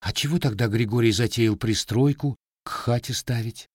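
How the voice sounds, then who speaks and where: A man's voice: mid-range voice, moderate pace, slightly rough, no echo, clean studio sound, pitched above the performer's own voice, natural voice. A man voicing a sly, teasing young Cossack widow in a storybook reading, raising his voice for her. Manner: slightly raised, teasing folk speech.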